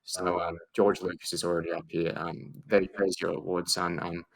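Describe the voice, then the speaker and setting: A man's voice: sits low, little pitch movement, moderate pace, vocal fry, low-quality recording. A man co-hosting a podcast as a mock awards show, playful and rambling, with many fillers. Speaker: podcast co-host.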